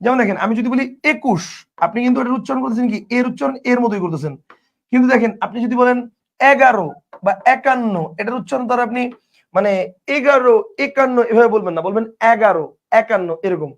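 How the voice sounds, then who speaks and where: A man teaches grammar in a casual, chatty way. His voice sits high for a man. He keeps repeating his points and tossing rhetorical questions at the listener. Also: very fast.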